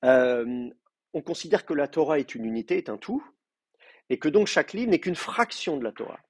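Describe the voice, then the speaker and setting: Male lecturer, slightly raspy, mid pitch, recorded dry; explains step by step with many fillers. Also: animated, normal speed, dry recording. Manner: thinking aloud with many hesitations; explains terms patiently, writing them out for the class. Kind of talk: university lecture. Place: classroom.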